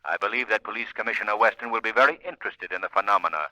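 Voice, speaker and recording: An actor playing a mysterious, commanding crime-fighter with a deliberate, theatrical delivery in 1930s radio drama style. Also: male voice, lowish voice, sharp tone, no echo, rough recording. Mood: cool menace.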